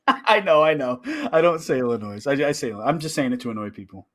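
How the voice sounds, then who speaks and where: A man's voice: mid-range voice, lively intonation, brisk, fairly bright tone. A man co-hosting a casual podcast chat, loose and jokey, laughing often. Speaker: podcast co-host.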